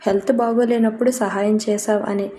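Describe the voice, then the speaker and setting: A woman reads the part of a proud, bitter young woman in an audio storybook, sharp and scolding. The tone is mellow and dark. The pitch stays flat and narrow. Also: brisk, a little hiss or hum, natural voice. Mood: angry.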